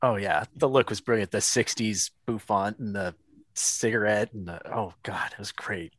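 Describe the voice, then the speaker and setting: A man's voice: lowish voice, normal speed, fairly bright tone, no echo. A man co-hosting in casual chat, joking and teasing. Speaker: co-host.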